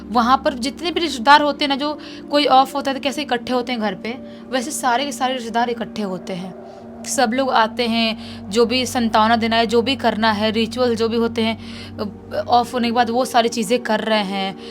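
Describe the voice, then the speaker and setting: High-voiced woman telling a horror story. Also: normal speed, over music. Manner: conversational, acts out shouted quotes. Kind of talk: casual spoken horror storytelling.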